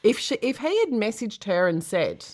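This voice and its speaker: A woman's voice: medium pitch, very animated, normal speed. A woman co-hosting a podcast, chatting casually with many exclamations. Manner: warm-hearted, exclaims and reacts often. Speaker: podcast co-host. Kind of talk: casual chat.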